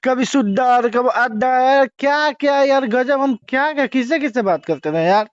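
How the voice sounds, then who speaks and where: A man with a very high voice and a Bhojpuri-influenced eastern Indian Hindi accent plays a celebrity's manager in a heated phone argument. He sounds exasperated and argumentative at a moderate pace. The phone recording is dull and lo-fi, with no echo.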